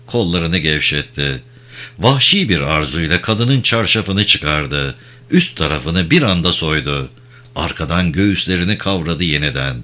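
A man's voice: deep voice, fairly bright tone. A man reading a novel aloud in intense, emphatic dramatic narration.

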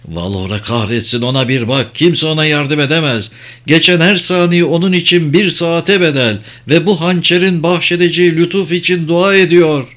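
A man's voice: on the high side, moderate pace, fairly bright tone, pitched above the performer's own voice, lightly acted. A man voicing an older female ship healer who is pleading and full of remorse, in a raised voice. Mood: urgent. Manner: pleading, urgent.

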